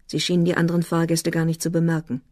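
Low calm female audiobook narrator. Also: fast talker, no room sound, clean studio sound.

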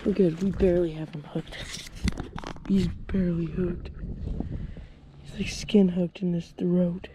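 A young man talks excitedly to his viewers while fishing at a pond, his voice picked up by a head-mounted action camera. The outdoor audio is noisy, with clear background sound under his words. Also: high-pitched, unhurried, pauses often. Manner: excited, addresses viewers as guys. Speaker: fishing vlogger. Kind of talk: casual outdoor fishing vlog. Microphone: head-mounted action camera, later a phone.

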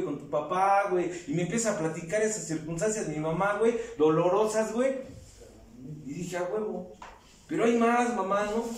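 A man with a Mexican accent giving an emotional personal testimony at a recovery group meeting, speaking straight to the group. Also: high voice. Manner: impassioned, addresses the group directly as "compañeros" and "güey". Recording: very echoey hall, voice heard from far off.

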